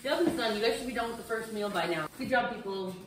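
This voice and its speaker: A woman's voice: a little high, quick pace, noisy background. A young woman chatting in a kitchen, squeamish and complaining. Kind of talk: casual chat while cooking. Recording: echoey kitchen from far off with clattering dishes.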